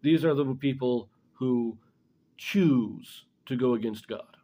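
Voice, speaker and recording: Here a middle-aged scripture commentator delivers an informal lesson on religion from a small indoor room in front of a blackboard. His mid-range voice sounds warm, and he speaks deliberately, correcting himself along the way.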